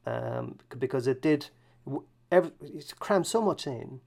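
Male co-host, mid pitch with gravel, relaxed conversational delivery. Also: a little slow. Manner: easygoing, chuckling, self-correcting. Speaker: podcast co-host. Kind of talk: casual chat about TV.

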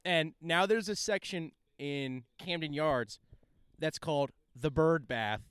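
A laid-back man co-hosting a sports podcast, chatting loosely and saying "dude" often. His voice is smooth and rather high, recorded close and dry. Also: slow, a bit bright, no echo. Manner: easygoing, says dude a lot. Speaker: podcast co-host. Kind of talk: casual sports chat.

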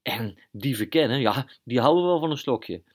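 A nervous lookout guard who stammers and hesitates, as a storyteller puts him on. He repeats words as he thinks out loud, in a voice close to the narrator's own. He sounds like a storybook guard. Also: mid-range voice, expressive, normal speed, slightly rough. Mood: earnest.

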